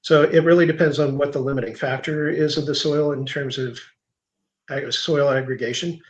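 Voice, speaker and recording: A man's voice: a little high, steady tone, moderate pace, muffled recording. A male guest explaining soil science in a technical, hesitant way. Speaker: guest agronomy expert. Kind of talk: explaining in conversation.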